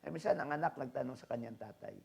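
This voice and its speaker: A man preaching a sermon as pastor, swinging between soft asides and loud exhortations, often checking in with the congregation and mixing in English phrases. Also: mid-range voice, fast talker, gravelly. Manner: frequent tag questions to the congregation; mixes English phrases into his talk.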